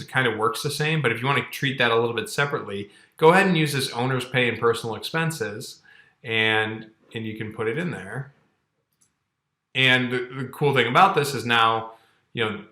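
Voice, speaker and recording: With a medium-pitched, bright, forceful voice, a man in his thirties teaches an accounting course through a casual screen-share tutorial. He keeps it conversational and explanatory, walking through steps and frequently saying "okay" or "all right," while the room sounds echoey.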